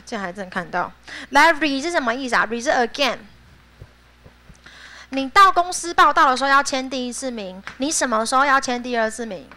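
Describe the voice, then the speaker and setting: A woman teaching a high school English vocabulary class in a classroom, chatty and playful, laughing often and drilling pronunciation. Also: sharp tone, a little hiss or hum.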